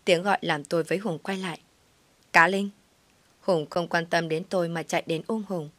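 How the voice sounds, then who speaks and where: Woman storyteller, lowish voice, even reading, dry close recording. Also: quick pace, no echo. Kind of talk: first-person story narration.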